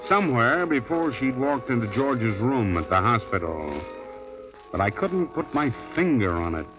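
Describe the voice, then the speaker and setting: A man's voice: mid-range voice, very animated, unhurried, dull audio, over music. A man playing a wry hardboiled private detective in a 1950s radio drama, narrating in a dry voice and questioning people.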